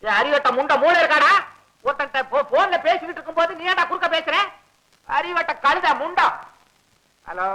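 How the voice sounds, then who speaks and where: An actor playing a loud, panicky father in a comic film scene, wailing and shouting in rambling outbursts. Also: very high voice, expressive, fairly quick, pauses often, exaggerated voice, poor audio. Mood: frantic. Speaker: father who lost his money. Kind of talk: 1960s film comedy acting.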